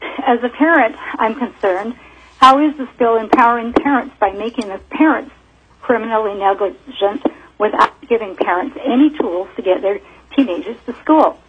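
Her husky voice sits on the high side and moves at normal speed. She is a woman in her fifties, a teacher and parent, reading prepared points earnestly in formal testimony relayed over a phone line to a hearing room.

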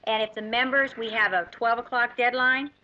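A woman's voice: on the high side, fairly even intonation, moderate pace. An American woman presiding over a legislative session, giving formal procedural directions to the chamber. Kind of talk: parliamentary procedure. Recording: dull lo-fi chamber recording, faint noise.

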